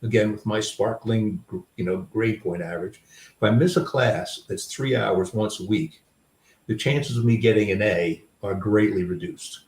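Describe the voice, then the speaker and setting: A man's voice: on the low side, normal speed, darkish tone, echoey room, far from the mic. An older man and author, telling candid, self-deprecating personal stories in a reflective way, with many restarts. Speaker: author and guest.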